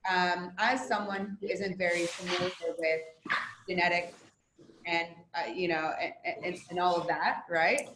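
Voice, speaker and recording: A woman's voice: fairly low pitch, level tone, measured pace. A woman hosting an interview, asking questions in a hesitant, hedging way with many fillers. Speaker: host, interviewer. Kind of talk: online Q&A interview. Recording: echoey room with faint noise.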